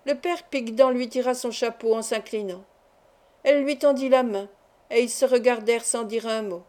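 A woman reading a classic short story aloud as an audiobook, in a measured storytelling manner. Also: on the high side, steady tone, darkish tone. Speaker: audiobook reader.

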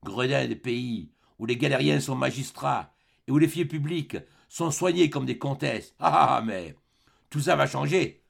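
A man voicing a harsh police inspector in an audiobook, barking loud insults. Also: medium pitch, normal speed, creaky, slightly rough, voice pushed up. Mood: scornful. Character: harsh male police inspector, scornful and brutal.

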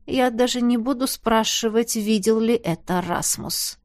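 A woman reading the part of a wary, irritated young heroine in an audiobook, terse and sharp. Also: fairly high pitch, expressive, normal speed, dry recording, clean studio sound, pitched above the performer's own voice, lightly acted.

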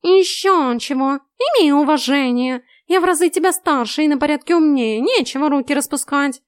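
Brief: woman doing a smug, high, loud old house cat in a storybook reading, all condescension and snark. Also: moderate pace, dry recording, studio quality, close to an everyday voice. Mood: indignant. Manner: sneering, condescending, snappy. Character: cheeky arrogant old male house cat.

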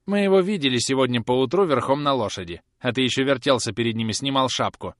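A man reading an audiobook, voicing a spiteful old woman with a shrill, jeering, scolding manner. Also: quick pace, no echo, studio quality, close to an everyday voice. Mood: sly. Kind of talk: audiobook character voice.

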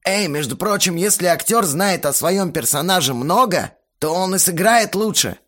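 A man's voice: high voice, lively intonation, moderate pace, a bit bright, voice pushed up. Guy doing a hyper young actor type, eager, lecturing, raised voice. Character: energetic young man, eager amateur actor.

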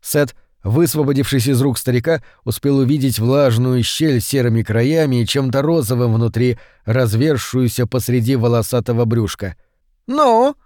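A man reads a horror audiobook with steady, measured narration. His pitch sits in the middle range, and the recording is close and dry.

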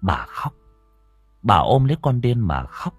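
Expressive male storyteller. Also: lowish voice, a little slow, breathy edge, no room sound. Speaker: audiobook narrator. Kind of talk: storybook narration. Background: faint music.

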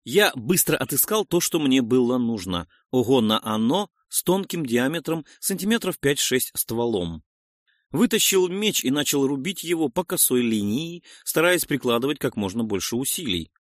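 A man reading an action audiobook in the first person with expressive narration. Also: mid-range voice, moderate pace, no echo, studio quality.

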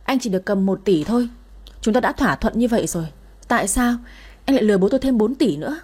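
A woman's voice: medium pitch, expressive, fast, darkish tone, slightly rough. A woman voicing a defiant young woman who turns to sobbing for her father. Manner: pleading, sobbing.

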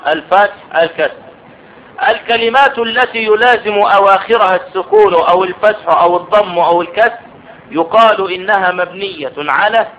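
A man gives a grammar lesson in a fairly high voice. He works through each point patiently and keeps asking his students whether they follow. The recording is dull and lo-fi, a faint hiss of noise. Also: fairly bright tone. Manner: explains step by step, often checks that students follow. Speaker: Arabic grammar teacher. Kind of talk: classroom lesson.

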